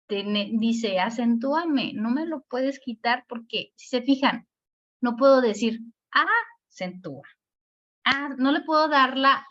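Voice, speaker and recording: A woman with a Mexican accent teaching a spelling lesson, explaining patiently and drawing out words slowly to show the stress. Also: on the high side, a bit bright. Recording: dull lo-fi recording.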